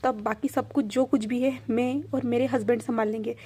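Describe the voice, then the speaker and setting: Doting, fussing mother, read by a woman storyteller, steady and high. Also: a little fast, husky. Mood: bustling. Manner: fussing, repeats endearments. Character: doting, bustling middle-aged mother.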